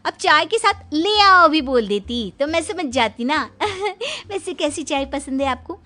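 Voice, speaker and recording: A woman's voice: high voice, animated, measured pace, pushed and bright, voice pushed up, heavily acted. A woman voicing a talkative, cheerful young bride in an audio story. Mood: chatty. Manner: talkative, bubbly, shrieks and laughs. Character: chatty cheerful young bride, loud and lively.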